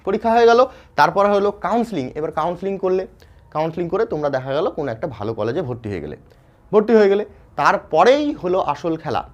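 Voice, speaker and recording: A man's voice: high voice, very animated, quick pace, muffled recording. A man from West Bengal with a Bengali accent, teaching students in an informal explainer. He keeps checking in with them and often restarts his phrases. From West Bengal, India. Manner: informal, repeats "ঠিক আছে?" to check understanding, frequent fillers and restarts. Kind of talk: explainer lesson addressed to students.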